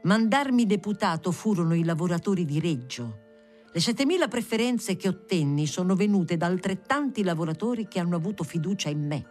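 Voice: mid-range voice, lively intonation, brisk, a little mellow, faint music behind, close to an everyday voice. A reader voicing a stern, irritable middle-aged politician who used to be a factory worker and speaks curtly. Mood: angry. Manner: curt, then bursting into angry lecturing. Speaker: audiobook reader.

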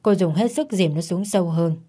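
Mellow woman telling a dark story. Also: fairly low pitch, moderate pace, husky. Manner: tense, dramatic. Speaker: narrator. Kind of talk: dramatic story narration.

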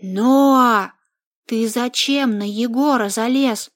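A woman's voice: medium pitch, steady tone, slow pace, a bit bright. A woman doing a blunt, skeptical young woman. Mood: indignant. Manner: blunt, indignant.

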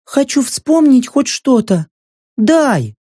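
A man voicing a haunted young woman fighter who longs for her lost memories, speaking in a soft, pleading, drawn-out way. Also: very high-pitched, big pitch swings, breathy edge, dry recording, clean studio sound, pitched above the performer's own voice, full character voice. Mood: yearning.

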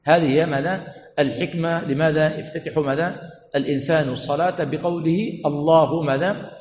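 A man teaching a religious lesson to students, quizzing them with repeated questions and stretching words slowly for emphasis. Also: a little high, steady tone. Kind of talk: classroom lecture. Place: teaching center hall. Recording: echoey hall with long reverb, faint room noise.

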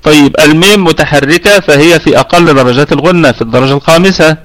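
Here the Quran teacher sounds a little high and a bit bright, moving at a fast pace. The middle-aged man, Egyptian Arabic accent and all, patiently walks an online class through tajweed and keeps revising himself mid-sentence.

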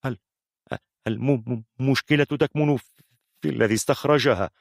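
A man's voice: medium pitch, moderate pace, gravelly, no echo, studio quality, close to an everyday voice. A man voicing a nervous male storyteller of hidden lore who stammers heavily on his first sounds. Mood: nervous, secretive. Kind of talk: audiobook character voice.

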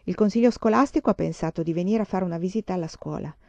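A woman voicing a calm, serious father on a school board, speaking slowly and weighing each word. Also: lowish voice, no room sound, lightly acted. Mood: grave. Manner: slow, measured and serious. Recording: dull, dry lo-fi audiobook recording.

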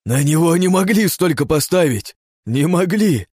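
A man's voice: lowish voice, moderate pace, no room sound, clean studio sound, pitched above the performer's own voice, close to an everyday voice. Man voicing a screaming enraged aristocrat. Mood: furious. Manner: shouting, snarling, rude. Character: furious greedy middle-aged male aristocrat.

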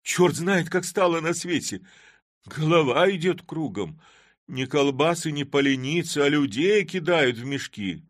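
Man putting on a high, jumpy, panicky weaver for a storybook; frightened outbursts. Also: animated, measured pace, no echo, studio quality. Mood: alarmed. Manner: alarmed outbursts.

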